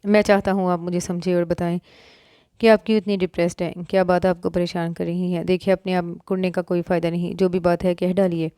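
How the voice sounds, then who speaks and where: A woman voicing an earnest young man who speaks softly and coaxingly in a storybook reading. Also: fairly low pitch, level tone, fairly quick, clear, resonant tone, dry recording, studio quality, close to an everyday voice. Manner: soft, coaxing. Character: earnest young man, gentle then curt.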